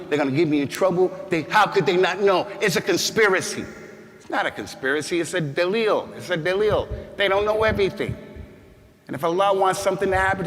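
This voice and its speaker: Emphatic man preaching in an echoing mosque. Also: on the high side. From United States. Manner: emphatic, repeats words, rises to shouts. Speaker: imam giving a Friday sermon. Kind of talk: Friday sermon. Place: mosque hall. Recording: long hall reverb.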